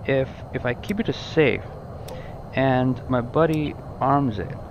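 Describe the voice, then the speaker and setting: Talking slowly in a mid-range voice, a man gives a casual walkthrough of a flight simulator cockpit for a gaming tutorial, repeating and rephrasing as he explains. The sound is lo-fi, with background noise.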